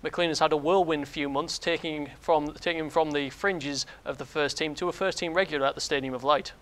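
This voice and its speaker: A man presenting sports news, reading a script briskly with occasional slips. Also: on the high side, steady tone, fairly bright tone.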